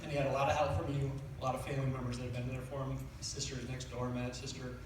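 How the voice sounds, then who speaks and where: A middle-aged man delivers a eulogy in a tender, halting voice of middling pitch, faltering over his phrases. The recording is very echoey and picked up from a distance in a large room, with faint noise underneath. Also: level tone. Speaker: son giving a eulogy. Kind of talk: personal funeral speech, partly read from notes. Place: large reverberant indoor room.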